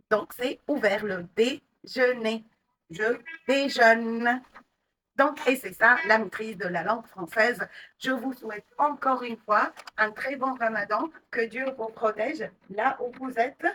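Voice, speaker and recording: A woman teaching French, explaining words and pronunciation patiently, step by step, with many pauses and fillers. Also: fairly high pitch, sharp tone, distant mic, a little hiss or hum, poor audio. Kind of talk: language lesson explaining vocabulary and pronunciation.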